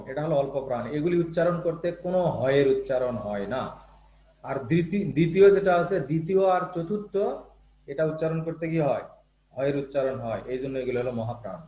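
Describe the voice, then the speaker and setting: A man's voice: a little high, dark tone. Echoey patient male Bangla teacher. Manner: explains patiently, repeats terms and checks with "ঠিক আছে?". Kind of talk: classroom lesson on Bangla phonetics.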